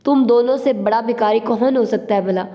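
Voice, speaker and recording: Woman voicing a bratty young guy mouthing off, mellow voice, a bit of reverb on it. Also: fairly high pitch, moderate pace, close to an everyday voice. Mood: teasing. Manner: teasing, boastful banter. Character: brash joking young man, cheeky and loud.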